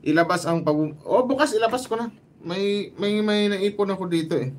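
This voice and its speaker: A man with a Filipino accent chatting casually on a livestream, calling out viewers by name and tossing in quick asides. His voice sits a little high for a man, with a faint hum of room ambience behind him. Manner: lively, greets commenters by name, quick asides. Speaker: livestream host. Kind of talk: casual livestream chat reading viewer shoutouts.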